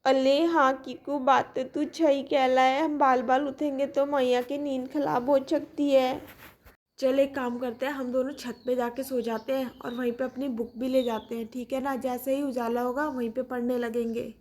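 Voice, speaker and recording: A woman voicing a drowsy young schoolgirl in a village cartoon, speaking softly at night. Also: high voice, flat delivery, normal speed, pitched below the performer's own voice, lightly acted.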